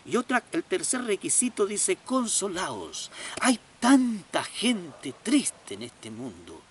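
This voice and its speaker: Comic preacher, high voice, very lively delivery, folksy jokes. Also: male voice, slow, slight background noise. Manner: animated, folksy joking. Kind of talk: comedic sermon.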